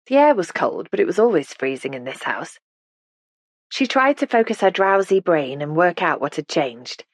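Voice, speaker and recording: A woman narrating an audiobook in a measured, gentle storytelling manner, close to the mic. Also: lowish voice, no echo. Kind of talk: scripted narration.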